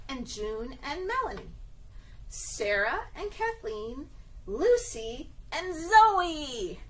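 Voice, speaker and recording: A children's librarian reads a picture book to young kids at story time in a high, fairly bright voice with wide, swooping pitch. She goes slowly in a sing-song style, often pausing to ask little questions. The recording is low quality and somewhat noisy.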